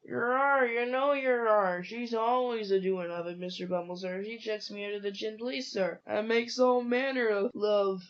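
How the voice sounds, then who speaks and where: A woman's voice: on the high side, fairly even intonation, moderate pace, hardly any pauses, clear, resonant tone, highs cut off, lightly acted. A woman doing a blubbering, whiny young man. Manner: whining, blubbering.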